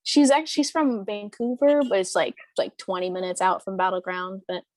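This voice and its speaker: A woman's voice: mid-range voice, animated, moderate pace, a little mellow, no echo. A woman in her early twenties, talking casually as an interview guest, rambling with lots of fillers and restarts. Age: 20s. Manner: rambling, hesitant, many fillers and restarts, laughs often.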